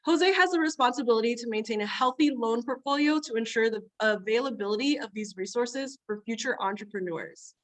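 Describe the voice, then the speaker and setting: A woman opens an online webinar in a fairly high voice, reading her announcements from a script. She sounds welcoming and orderly as she introduces the guest speaker. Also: fairly quick, few pauses. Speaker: webinar host, project manager. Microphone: video call mic.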